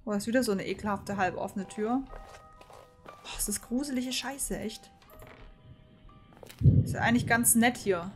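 A fairly high-voiced woman streams a horror game live, nervous and jumpy, chatting to her viewers between scared outbursts. Soft game music plays faintly behind her desk mic. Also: normal speed, long pauses. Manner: jittery, talks to chat, frightened outbursts.

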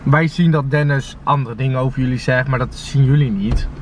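A man's voice: medium pitch, over a noisy crowd. Teasing young man vlogging in a car. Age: 20s. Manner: playful, teasing, quick to laugh. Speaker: vlogger host. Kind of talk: casual chat. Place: inside a parked car. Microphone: camera on the dashboard. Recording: dull distant mic in car, road hum.

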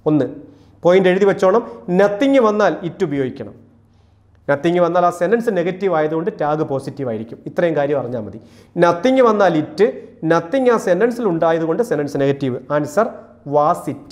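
High-voiced man teaching exam English. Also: darkish tone. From Kerala, India. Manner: repeats key rules, reads example sentences slowly. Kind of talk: classroom-style exam lesson.

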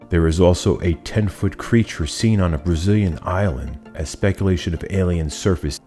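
Low, dark-voiced man narrating steadily. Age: middle-aged. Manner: steady, measured delivery. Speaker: YouTube host. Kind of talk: scripted narration. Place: indoor studio room with monitors.

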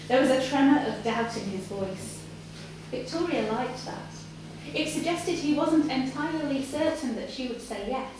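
At a live literary night in a café, a high-voiced woman gives a dramatic reading of written fiction to an audience at a normal speed. Captured by a far-off camera mic, she sounds echoey and distant, with room noise around her.

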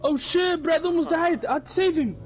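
A man's voice: very high voice, fairly quick, faint music behind. A young man with an urban British accent, commentating on a co-op horror game as a scared streamer, panicky and repeating himself. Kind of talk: excited co-op horror gameplay commentary.

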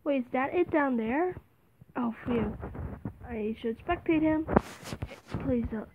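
A woman giving excited game commentary, dropping to whispers and jumping to shrieks. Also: high voice, slow pace, narrow, tinny audio, background noise. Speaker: gaming video host.

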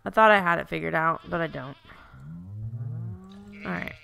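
A let's play host with a stuffy, congested voice chats through a farming game, reasoning aloud and correcting herself. At normal speed, her low voice comes across as gravelly, bright and forceful, with a clean tone.

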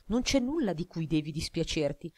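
A woman voicing a gentle, caring mother who speaks softly and soothingly in an audiobook. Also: low voice, very animated, moderate pace, dry recording. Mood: tender.

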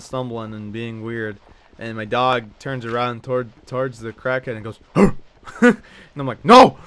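A young man casually chatting and swearing while live-streaming a video game, griping about his runs and telling stories in an animated way. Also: mid-range voice, clean tone. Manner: swears a lot, frustrated and animated storytelling.

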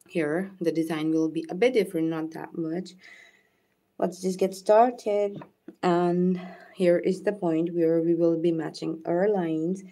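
Speaking softly and without rush, this nail art tutorial host, an Urdu-speaking woman with a fairly low voice, walks her audience through a live nail design. Along the way she gives chat shout-outs, thanking viewers by name.

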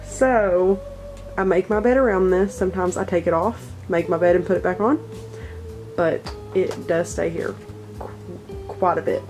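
A woman's voice: lowish voice, steady tone, moderate pace, long pauses, a little mellow, faint music behind. A young woman with a Southern US accent, chatting candidly and reassuringly to camera in her messy bedroom. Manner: candid, self-conscious and reassuring. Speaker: vlogger. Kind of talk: casual chat to camera. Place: cluttered bedroom indoors. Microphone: camera mic at close range.

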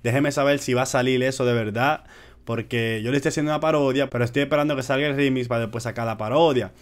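Man, music reaction host, casual animated talk, slangy, mid-pitched voice. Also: quick pace. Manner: chatty, animated, slangy, talks straight to viewers. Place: home in Orlando.

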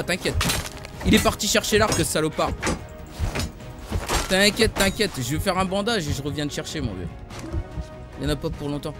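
A man with a French accent commentating his own gameplay, trash-talking opponents and talking to his viewers. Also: sits high. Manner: trash-talking, excitable, calls viewers "les gars". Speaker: gaming YouTuber. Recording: music playing behind the voice.

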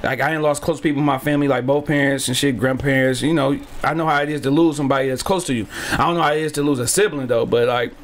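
A man in his late thirties hosts a casual interview podcast from a small home studio, speaking into a boom-mounted studio mic with headphones on. His mid-range voice moves quickly with fairly even intonation and barely any pauses, laid-back and slangy, often dropping "you know what I'm saying." His back and neck are sore after a car crash.

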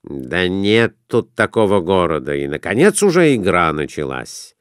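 A man voicing a calm middle-aged captain who gives quiet, persuasive advice. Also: deep voice, measured pace, no room sound, clean studio sound, voice pushed down. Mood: coaxing.

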